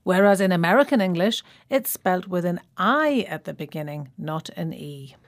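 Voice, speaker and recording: A woman presenting a scripted language lesson, speaking clearly and spelling words out letter by letter. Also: lowish voice, expressive, normal speed, no room sound, studio quality.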